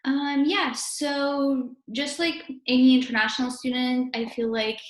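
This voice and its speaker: A young university student in her twenties, raised in Russia and a native Russian speaker, answers interview questions casually. Her voice sits slightly high for a woman, and she speaks unhurriedly with fairly even intonation. The recording sounds noticeably roomy and echoey.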